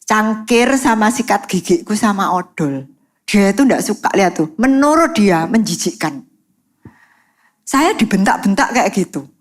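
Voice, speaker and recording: A woman's voice: medium pitch, a little slow. East Javanese woman telling her testimony. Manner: lively storytelling, sprinkling English phrases. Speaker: guest speaker. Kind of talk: personal testimony in a church service.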